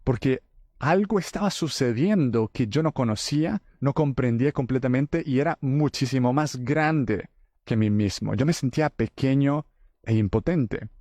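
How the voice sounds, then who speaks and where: Man, podcast host, husky, mellow tone, earnest talk. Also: medium pitch, normal speed, no room sound, clean studio sound. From El Salvador. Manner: earnest, conversational preaching.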